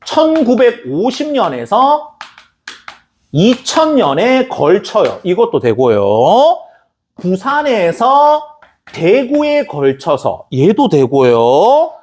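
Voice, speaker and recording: A man teaching English vocabulary in a recorded lecture, chatty and lively, spelling out words syllable by syllable and slipping in joking asides to his students. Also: sits high, breathy edge. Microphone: camera recording a lecture.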